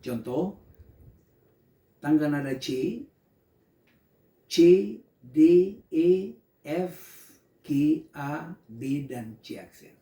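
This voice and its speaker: A man's voice: a little high, extremely slow, pauses often, dark tone. A man teaching music theory in a recorded home-learning lesson, explaining patiently step by step and often checking in with his students. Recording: roomy echo, voice far from the mic.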